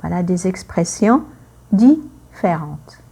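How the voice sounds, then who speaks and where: A woman teaching a French lesson, speaking slowly and clearly, repeating phrases for learners and acting out the emotions in her example sentences. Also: fairly low pitch, lively intonation, mellow.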